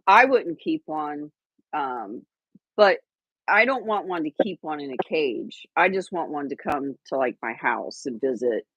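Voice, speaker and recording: A woman's voice: deep voice, lively intonation, unhurried, fairly bright tone, husky, dry recording, lo-fi sound. A woman co-hosting a casual livestream, chatty and rambling with lots of fillers and restarts. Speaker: livestream co-host.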